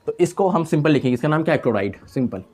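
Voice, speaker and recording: A man's voice: on the high side, expressive, racing, darkish tone. A young man teaching a chemistry lesson in a casual style, repeating key terms and asking and answering his own questions. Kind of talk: online lecture.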